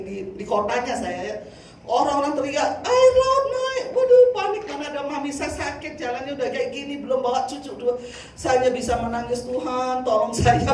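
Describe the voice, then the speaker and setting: An older woman evangelist from Indonesia giving a lively sermon testimony, often turning to the congregation. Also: high-pitched. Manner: lively storytelling, addresses congregation as saudara. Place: church hall. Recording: echoey hall from far off, faint noise.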